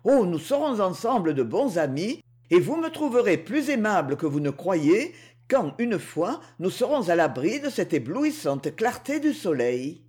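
A woman's voice: medium pitch, big pitch swings, measured pace, a little mellow. A woman voicing a coaxing, boastful underworld king. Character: underworld king, smooth-talking and possessive. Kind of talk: audiobook character reading.

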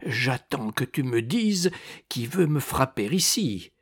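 A man reading an audiobook and voicing an old pope who is fearful and gruff, with an anxious, stammering way of talking. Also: mid-range voice, very animated, slow pace, voice pushed up, full character voice.

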